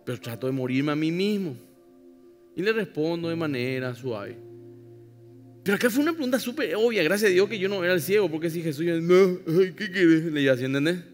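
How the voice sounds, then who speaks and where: Man, high-pitched pastor, emphatic ironic sermon, long hall reverb. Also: big pitch swings, a little fast. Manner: emphatic preaching with wry irony and asides to the congregation. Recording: live church hall with long reverb, faint music.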